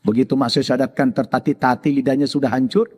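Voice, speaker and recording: A middle-aged male preacher telling a personal story in a sermon, animated and acting out the voices in it. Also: medium pitch, fast, husky, big-room sound. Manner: animated, voicing his mother and others in quoted dialogue.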